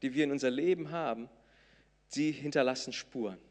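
A man from southern Brazil, preaching a sermon, swinging between loud emphatic peaks and soft intimate lines. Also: mid-range voice, fairly quick. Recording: long reverb of a large hall.

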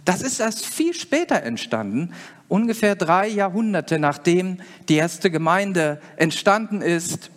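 Male preacher, fairly high voice, earnest and explanatory, sermon in a big echoing hall. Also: sing-song, unhurried. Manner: earnest, explaining, asks listeners questions. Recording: long hall reverb.

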